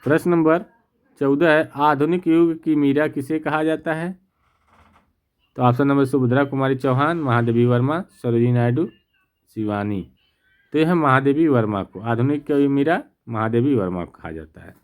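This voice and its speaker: A man's voice: mid-range voice, clean tone. A man teaching an exam practice lesson, reading each question and its options aloud, then explaining the answer and checking with the class. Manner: slow, methodical, reads options aloud; repeats "theek na" to check.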